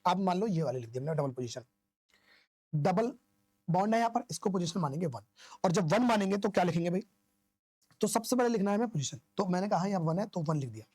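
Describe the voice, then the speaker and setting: A man's voice: high voice, expressive, quick pace, long pauses, darkish tone, no room sound. A male teacher giving a classroom-style lecture. He asks questions, answers them himself and repeats the key terms in an informal, coaxing way.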